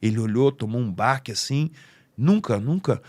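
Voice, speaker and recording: A man's voice: medium pitch, animated, moderate pace, darkish tone, dry recording. A man with a Brazilian Portuguese accent telling a heartfelt personal story on a podcast, acting out the voices of his family as he goes. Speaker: podcast speaker.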